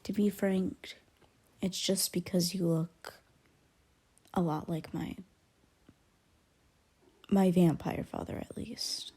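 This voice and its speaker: In an ASMR roleplay of intimate, one-sided character dialogue, a woman plays an aloof young werewolf who cares grudgingly. Her voice is on the low side with a steady tone, soft and breathy, dipping into whispers. She delivers lines bluntly, guardedly and haltingly.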